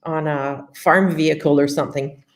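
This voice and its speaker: A Canadian woman with a deep voice, fairly even intonation and moderate pace is the guest in a casual interview, recorded with noticeable reverb. She's chatty, uses lots of fillers and acts out little quoted exchanges.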